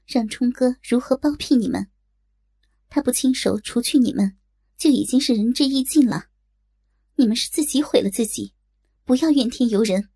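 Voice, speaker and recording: A woman voicing a poised young woman who reasons in a calm, measured and firm way, in an audiobook story. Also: on the high side.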